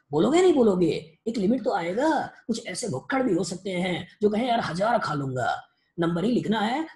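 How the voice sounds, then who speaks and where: Lively woman teaching an online class. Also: mid-range voice. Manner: repeats each point and quizzes students. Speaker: chemistry teacher. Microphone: video call.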